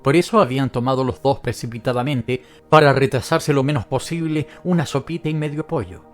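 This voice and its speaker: A man narrating a literary audiobook in a measured storytelling manner. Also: mid-range voice, soft background music.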